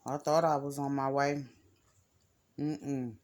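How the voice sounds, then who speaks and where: A woman's voice: a bass voice, level tone, slow, darkish tone. A woman giving a casual, rambling reading to her viewers, blunt and cursing freely. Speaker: card reader.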